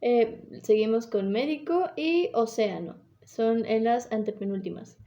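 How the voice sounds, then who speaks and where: Woman, hesitant class presentation, fairly high voice, mellow tone, frequent self-corrections. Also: unhurried, dull audio.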